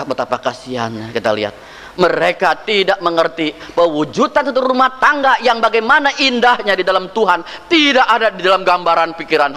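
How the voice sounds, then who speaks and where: A man's voice: sits high, pushed and bright. A man preaching a sermon as pastor, joking and firing rhetorical questions straight at his congregation. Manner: jokey, acts out dialogue. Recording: reverberant hall.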